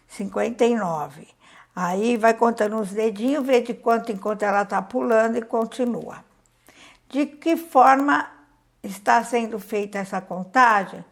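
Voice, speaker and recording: A Brazilian primary school teacher with a slightly high, gravelly voice reads a worksheet aloud to young pupils and explains it. She patiently counts out loud and puts questions to the children, speaking with a Brazilian Portuguese accent.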